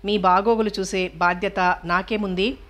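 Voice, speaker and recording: A woman voicing a gentle older maid in an audiobook, speaking slowly and softly in a hushed voice. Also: mid-range voice, steady tone, close to an everyday voice. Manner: soft, slow, hushed speech. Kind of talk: audiobook character reading.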